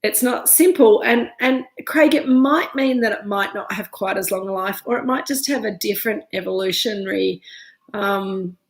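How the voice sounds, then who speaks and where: Her voice is medium-pitched and gravelly, moving at a moderate pace, and blocked up by a cold. She's an Australian winemaker in her thirties hosting a casual live virtual tasting, stumbling through ums and restarts while reading viewer comments. The winery room gives a noticeable echo.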